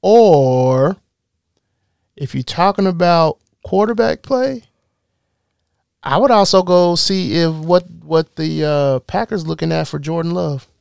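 Gravelly, smooth-voiced man chatting sports. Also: on the high side, slow, a little mellow, dry recording, studio quality. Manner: rambling, stumbles over words. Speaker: podcast co-host. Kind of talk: casual sports chat.

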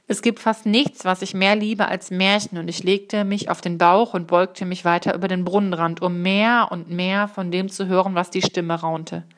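A woman reading a children's book aloud in a calm, measured way, now and then correcting small slips. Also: mid-range voice. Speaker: audiobook reader.

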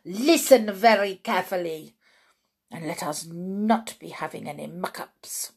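Grand High Witch, as a woman puts her on. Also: creaky, breathy edge, heavily acted. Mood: scheming. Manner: shrieking, ranting, slow and loud. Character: screaming tyrannical old female witch leader.

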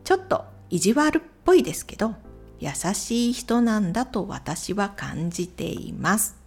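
A woman hosting a solo podcast, talking clearly and unhurriedly, with soft whispered asides. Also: mid-range voice, very animated, moderate pace, soft background music. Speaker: podcast host. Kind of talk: scripted solo podcast recommending YouTube channels.

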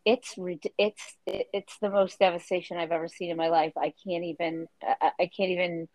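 A woman's voice: lowish voice, level tone, moderate pace, a little mellow, dry recording, poor audio. Chatty woman from Florida hosting. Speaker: podcast host. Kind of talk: casual chat. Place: niece's bedroom.

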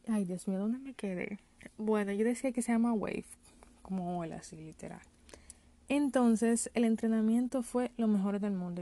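Woman vlogging, casual storytime, warm mellow voice, throws in english words. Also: mid-range voice. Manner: chatty, mixes in English call-center words.

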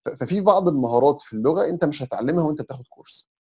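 A man's voice: fairly high pitch, lively intonation, racing, dark tone, husky. A young Egyptian man with an Egyptian Arabic accent, a podcast guest explaining advice step by step in a casual chat. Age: young adult. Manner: explains step by step, sprinkles English terms.

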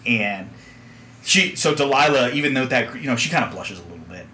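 A man running a tabletop game, narrating in a loose, rambling way full of fillers. His voice is mid-pitched and bright. Faint background noise sits behind him. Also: expressive, a little fast. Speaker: game master.

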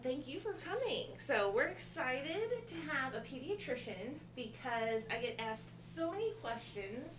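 A woman's voice: high voice, sing-song, a little slow, hardly any pauses. A woman hosting a casual live-stream interview, talking through a face mask. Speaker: host, orthodontist. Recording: echoey room with background noise.

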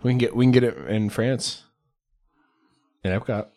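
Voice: medium pitch, flat delivery, moderate pace, dark tone. A host asking guests teasing questions in casual chat.

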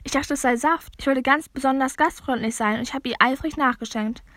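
A woman's voice: high-pitched, fairly quick, a bit bright, dry recording, clean studio sound. A woman voicing a dramatic, tearful young orphan girl in a read-aloud storybook, with a plaintive, theatrical way of lamenting.

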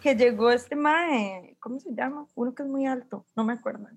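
A young woman with a Costa Rican accent talks in a high, airy voice. She chats casually and drops into the voices of the people she quotes as she tells a story. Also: moderate pace, breathy edge. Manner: animated storyteller, acts out quotes. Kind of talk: casual chat.

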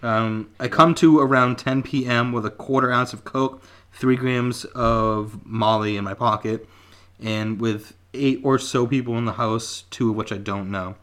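A man in his twenties reading a story aloud on a casual podcast, laid-back and quick to laugh, swearing freely. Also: mid-range voice, fairly even intonation, a bit bright.

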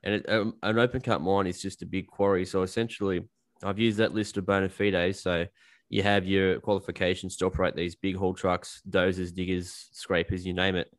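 As a guest on a podcast, an Australian man who works as a coal miner explains his job in casual chat, blunt, joking and colloquial. His voice sits low with flat delivery at a brisk pace, and the recording is dry.

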